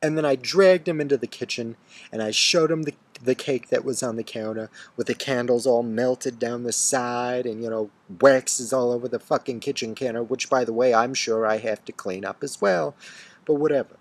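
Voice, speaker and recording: Husky man on a seething rant. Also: medium pitch, moderate pace. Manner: bitter, swearing, swings between hushed seething and loud outbursts. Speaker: storyteller ranting to camera. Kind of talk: angry first-person rant.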